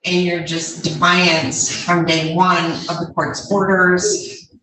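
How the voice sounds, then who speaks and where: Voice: mid-range voice, little pitch movement, sharp tone, slight background noise. Firm judge in a roomy courtroom. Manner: firm, measured, formal. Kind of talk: courtroom sentencing. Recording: roomy courtroom audio from far off.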